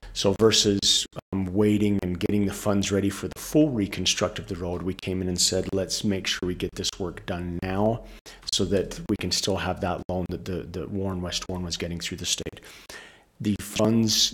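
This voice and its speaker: A man presenting a project at a county commission meeting, speaking in a steady monotone. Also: low-pitched. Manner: monotone, measured.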